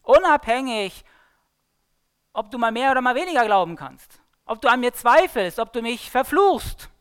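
A woman voicing God in a calm, steady, insistent way as she quotes Him in a sermon. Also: on the high side, moderate pace, smooth, no echo, studio quality, lightly acted. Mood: firm. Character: God speaking firmly to a doubting believer.

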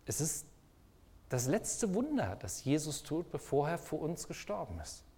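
A man's voice: on the high side, wildly swooping pitch, unhurried, warm tone, breathy edge. A man preaching a sermon, speaking emphatically and asking the listeners repeated rhetorical questions.

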